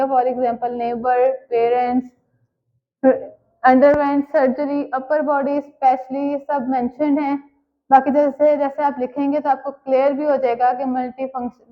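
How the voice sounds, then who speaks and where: High-voiced Pakistani woman teaching English. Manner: reads English lines slowly, then explains in Urdu. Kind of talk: online class lesson reading and translating. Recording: dull lo-fi audio.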